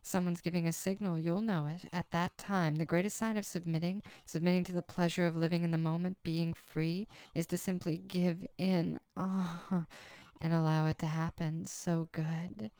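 Slow, commanding woman hypnotist. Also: fairly low pitch, level tone, smooth, no echo, low-quality recording. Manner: slow, soft, repetitive trance-inducing delivery; authoritative, commanding. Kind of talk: scripted hypnosis recording.

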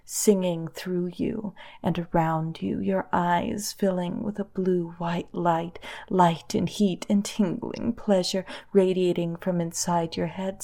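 A woman softly guiding a hypnosis in a lulling, breathy voice that often drops to a whisper, close in the listener's ear. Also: fairly low pitch. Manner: slow, soothing, lulling delivery. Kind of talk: whispered guided hypnosis, ASMR.

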